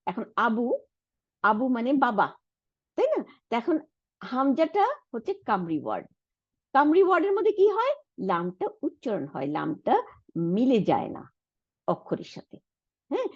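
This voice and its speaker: In an online lesson on reading Quranic Arabic, a woman with a breathy, mid-range voice explains step by step and often asks her listeners "isn't it?", with frequent hums and restarts. The recording is dry, with no echo and a dull lo-fi sound.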